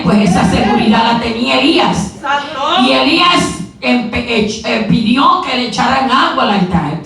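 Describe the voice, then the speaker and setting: A woman preacher giving a sermon in a church, retelling a story with rhetorical questions and quick asides. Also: a little high, gravelly. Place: church sanctuary. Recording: very echoey hall, mic far off.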